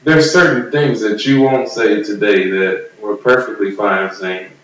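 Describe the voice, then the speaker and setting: A man's voice: on the low side, steady tone, a little slow, fairly bright tone. A laid-back man, co-hosting a casual chat show. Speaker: show co-host. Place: echoey room, away from the mic. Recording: very echoey room, distant mic, faint noise.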